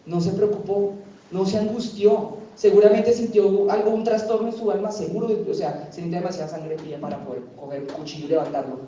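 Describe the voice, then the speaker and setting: A man's voice: high-pitched, steady tone, brisk, dark tone, a little hiss or hum. A man preaching a sermon in a church, talking with the congregation and asking them questions. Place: church hall. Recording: echoey, distant, dull church recording.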